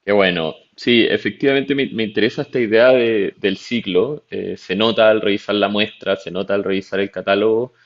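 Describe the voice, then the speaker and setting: A man's voice: on the low side, normal speed, few pauses. A man hosting an interview, asking courteous, long and winding questions. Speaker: interviewer, gallery director. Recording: dull lo-fi audio.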